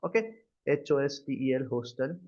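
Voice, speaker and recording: A man's voice: mid-range voice, animated, fairly quick, darkish tone. A man with an Indian accent teaching a live online class, often checking understanding with short questions over a video call. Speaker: cloud computing instructor. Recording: dull, lo-fi video-call audio.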